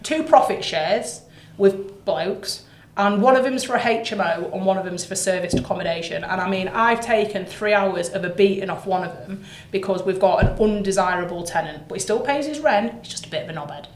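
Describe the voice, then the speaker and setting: A British woman, a property investor, chatting on a podcast in a blunt, sweary, animated way. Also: mid-range voice, fairly quick, slight background noise. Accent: British English. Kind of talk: casual podcast chat. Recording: roomy echo.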